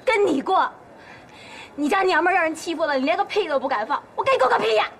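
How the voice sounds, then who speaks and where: An actress playing a sharp-tongued woman scolding her suitor in a period TV drama. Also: very high-pitched, animated, fast talker, a little hiss or hum, exaggerated voice.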